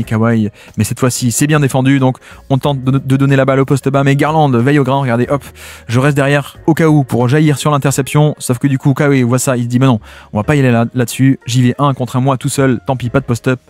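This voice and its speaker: With a mid-range, darkish voice, a man comments over basketball footage, explaining the tactics as though he were each player speaking and dropping in "hein" and "hop."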